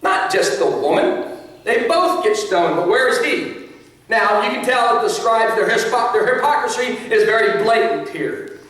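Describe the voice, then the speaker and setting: A man's voice: high-pitched, lively intonation, moderate pace, fairly bright tone. A man preaching a sermon as pastor, in a conversational way with asides and small chuckles. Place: church sanctuary. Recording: echoey hall from a distance.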